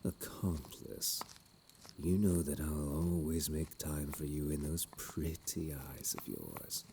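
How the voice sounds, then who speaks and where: Man voicing a very deep, unhurried plague doctor. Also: vocal fry, dark tone, slight background noise, heavily acted. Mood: doting, teasing. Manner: low, unhurried voice; archaic, theatrical wording, doting and menacing. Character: sinister, courteous plague doctor, dark fantasy healer, fond of accomplice. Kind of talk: scripted fantasy audio role-play.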